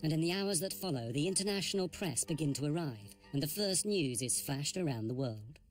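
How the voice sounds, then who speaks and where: A man narrating a documentary in a measured, grave scripted delivery. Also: fairly high pitch, lively intonation. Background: music.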